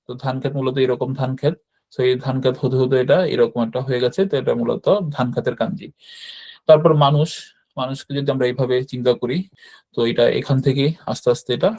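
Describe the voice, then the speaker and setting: Mellow-voiced man teaching a lecture. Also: mid-range voice. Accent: Bangladeshi Bengali. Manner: explains step by step, frequent fillers and self-corrections. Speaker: Japanese language teacher. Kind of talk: slide-based lecture.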